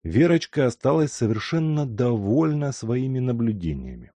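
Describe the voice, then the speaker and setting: A man reads a novel aloud with a lively, animated intonation. His voice sits mid-range, recorded dry and close. It is expressive storytelling narration. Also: mid-range voice, moderate pace, no room sound. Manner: expressive reading. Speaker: audiobook narrator. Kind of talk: scripted narration.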